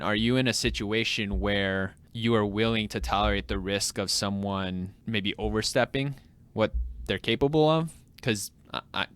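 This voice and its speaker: A man on a discussion panel, talking in a measured, thoughtful way. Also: on the low side, fairly bright tone, clear, resonant tone. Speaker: podcast panelist. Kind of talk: casual discussion.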